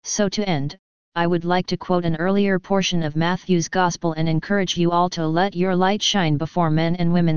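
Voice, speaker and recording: Smooth, resonant preacher telling a parable. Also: mid-range voice, no room sound, lo-fi sound. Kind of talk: sermon with a told parable.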